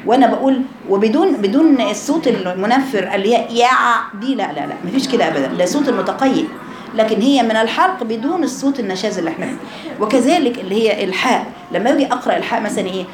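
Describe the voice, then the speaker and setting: A woman's voice: on the high side, lively intonation, crowd noise. Egyptian woman teaching recitation, echoey. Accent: Egyptian Arabic. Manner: explains with questions, demonstrates sounds by drawn-out chanting. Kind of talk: informal tajweed lesson to female students.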